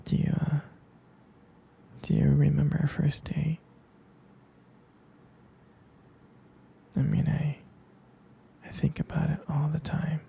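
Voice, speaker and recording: A young man voicing an obsessive boyfriend who keeps his lover caged, whispering in a soft, coaxing way. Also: fairly high pitch, completely flat delivery, measured pace, lo-fi sound, heavily acted. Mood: fondly reminiscing. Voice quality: breathy whisper. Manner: soft, coaxing, menacingly sweet. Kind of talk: whispered ASMR roleplay.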